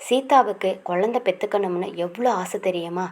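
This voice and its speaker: A woman's voice: mid-range voice, moderate pace, natural voice. A woman voicing a young man who speaks earnestly and sadly about his friend. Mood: sorrowful. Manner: sorrowful, earnest.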